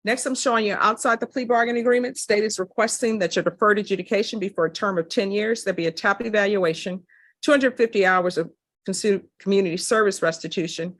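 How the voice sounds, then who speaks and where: A woman presiding as judge in a courtroom recording, putting formal questions in a brisk, businesslike way. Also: mid-range voice, a bit bright. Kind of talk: formal plea hearing questioning.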